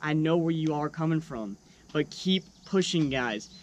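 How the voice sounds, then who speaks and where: Young male vlogger, slightly high voice, earnest and encouraging, casual delivery, faint background noise. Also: lively intonation, measured pace, lo-fi sound. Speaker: YouTube truck vlogger. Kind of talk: casual, unscripted vlog talk to viewers.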